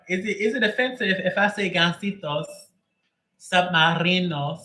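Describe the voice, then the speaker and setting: Bright-voiced chatty male tarot reader. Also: high voice, rough recording. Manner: chatty, greets viewers by name, joking asides. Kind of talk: livestream chat before a reading.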